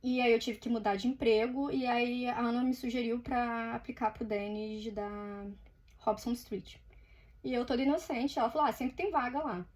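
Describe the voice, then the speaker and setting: A Brazilian woman with a Brazilian Portuguese accent and a slightly high-pitched voice. She tells her story casually while drawing, chatty and quick to swear. She acts out the quoted lines as she goes. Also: fairly even intonation, a little mellow. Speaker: artist vlogger.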